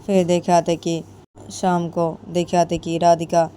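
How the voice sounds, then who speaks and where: Low-voiced woman telling a rambling story. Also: monotone, unhurried, dark tone, a little hiss or hum. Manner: rambling, repetitive, self-correcting. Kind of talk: improvised spoken story narration.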